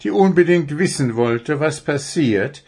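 A man's voice: on the high side, lively intonation, measured pace, darkish tone, slightly rough, pitched above the performer's own voice, heavily acted. A man voicing a friendly, busy male gnome in a read-aloud children's story, teasing and good-humoured.

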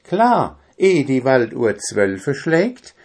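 Cheerful little ducklings chanting their lines in bouncy rhymes, as a man puts them on. The voice sits raised and bright above a normal speaking voice, with a light storybook sing-song. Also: mid-range voice, big pitch swings, very slow, breathy edge, pitched above the performer's own voice, full character voice. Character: two cheerful rhyming ducklings.

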